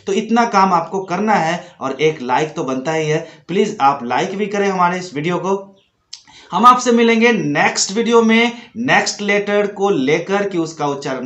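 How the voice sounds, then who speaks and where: A man teaching English pronunciation from slides, saying example words slowly and repeating them. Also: high-pitched, a bit bright, echoey room. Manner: slow, drawn-out repetition of example words. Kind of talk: slide-based lesson.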